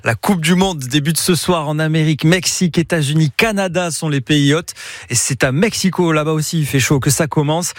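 Male radio reporter, lively and conversational, dry studio. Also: a little high, brisk, no room sound. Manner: lively, chatty delivery. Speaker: local news reporter.

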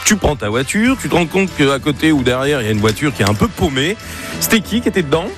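Animated guy co-hosting a radio game, highish voice, jokey, music behind him. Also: fast. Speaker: game show co-host. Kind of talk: radio quiz hosting, playful banter.

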